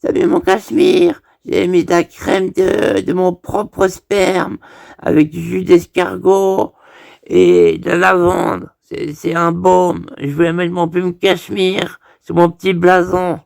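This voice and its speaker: A man's voice: high-pitched, slow pace, creaky, a little mellow, dry recording, studio quality, heavily acted. A man voicing his eccentric, vulgar male friend in a comic story, talking in a nonchalant and crude way. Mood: smug.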